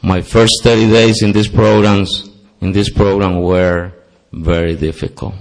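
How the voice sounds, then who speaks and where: Slow, gravelly man with Costa Rican accent. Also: sits low, flat delivery. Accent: Costa Rican Spanish. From Costa Rica. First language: Spanish. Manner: slow, earnest, with self-deprecating humor. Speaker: recovery meeting speaker. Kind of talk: personal testimony talk. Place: meeting hall.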